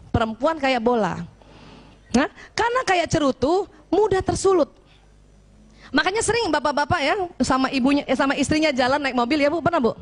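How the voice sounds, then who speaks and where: An Indonesian woman giving a lively religious lecture to women, playfully acting out husbands and wives as she talks. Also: high voice. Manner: lively, playful, often acts out husband and wife.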